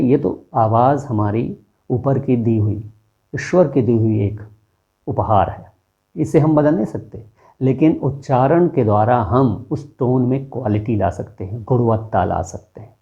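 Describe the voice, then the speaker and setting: A man with a dark, mellow voice teaches a lesson in a patient, methodical way. He asks himself questions and then answers them, walking the listener through each point. The recording is a little dull and lo-fi. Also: mid-range voice. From India. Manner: steady, explains step by step with rhetorical questions. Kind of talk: explanatory lesson.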